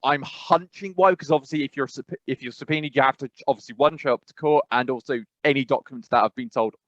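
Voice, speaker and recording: Talking fast in a mid-range voice on a dry recording, this man from England co-hosts a laid-back podcast. The dull lo-fi mic catches his rambling, hesitant style, with plenty of fillers, restarts, and laughs.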